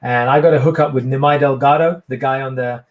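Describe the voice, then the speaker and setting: A man's voice: medium pitch, fairly even intonation, a little fast. A middle-aged man, a coach giving an interview and telling his story in a rambling, enthusiastic way. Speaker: guest, coach. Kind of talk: casual interview talk.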